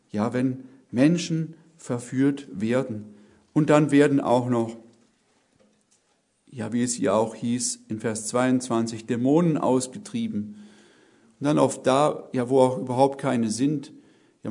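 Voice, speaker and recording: Slow, earnest German preacher man. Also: medium pitch, mellow. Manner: slow, earnest, emphatic with many "ja?" asides. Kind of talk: sermon.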